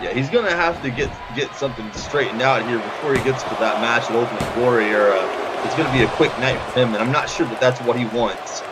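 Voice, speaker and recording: A man's voice: medium pitch, a little fast, very noisy. A male wrestling commentator giving opinionated, dismissive commentary. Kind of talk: play-by-play commentary.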